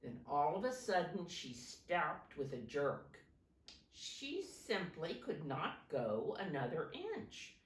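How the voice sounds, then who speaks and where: With big swings in her rather low pitch, a teacher slowly reads a picture book to young kids, using simple, deliberate phrasing and stopping now and then to show the pictures. She's a bit away from the mic, and the space sounds roomy.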